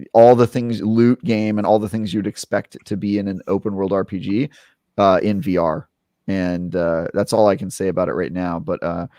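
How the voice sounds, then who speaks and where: A young adult man chats on a gaming podcast in a low voice, and the close mic gives it a dry, intimate sound. He rambles happily, doubling back on his words and leaning on fillers as he works up to the good parts. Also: no room sound. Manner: rambling, filler-heavy, animated retelling. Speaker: podcast co-host, game reviewer. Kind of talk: casual podcast chat.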